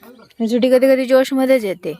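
High-voiced woman vlogging outdoors. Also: a little fast, warm tone, dry recording. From Konkan, Maharashtra. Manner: calls out to pets in a high sing-song voice. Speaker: pet vlogger. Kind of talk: casual vlog narration. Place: outdoors in a village.

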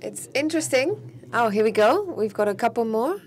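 Her voice a little high, a woman provides live interpretation for a panel, keeping a steady pace. Now and then she falters and restarts while keeping up with each speaker.

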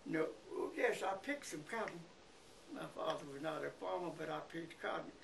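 Being interviewed in his living room by a window, a Mississippi man of about a hundred recalls the past haltingly, pausing and repeating words. He has a Southern US accent and an aged, creaky voice that is a little high and animated. The camera sits a few feet away, so the room recording is noisy and distant.

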